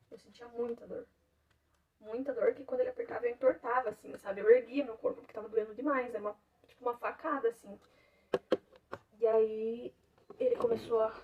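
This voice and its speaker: A young woman, a mother, telling her own story in an animated way and acting out the dialogue. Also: fairly high pitch, slightly rough. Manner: animated, acts out quoted dialogue, laughs often. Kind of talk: emotional personal storytelling. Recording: distant mic, dull lo-fi sound, faint noise.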